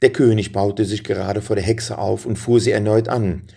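A man reading a children's story aloud in a lively, dramatic way, dropping to hushed passages. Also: on the low side, normal speed, vocal fry, breathy edge.

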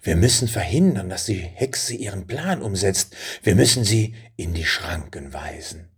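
A man voicing a huge, gentle young male dragon in a storybook reading, speaking slowly and earnestly in a low, hushed way. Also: lively intonation, vocal fry, breathy edge, full character voice.

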